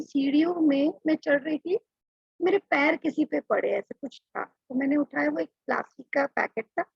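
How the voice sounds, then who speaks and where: Gravelly, husky-voiced woman telling her story. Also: high-pitched, no echo, lo-fi sound. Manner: chatty, quotes herself aloud. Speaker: devotee sharing experiences. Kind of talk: personal devotional testimony.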